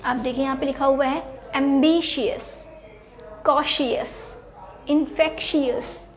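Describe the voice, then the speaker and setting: High-voiced woman teaching spelling. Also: fairly even intonation, normal speed, darkish tone. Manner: explains step by step, poses questions then answers them; mixes English words into Hindi teaching. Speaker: English teacher. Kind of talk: spelling and pronunciation lesson.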